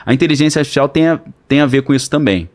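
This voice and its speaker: A man's voice: mid-range voice, racing. A man with a Brazilian accent, a pastor guest on a podcast, explaining ideas casually with slang and everyday comparisons. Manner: relaxed, explains with slang and analogies.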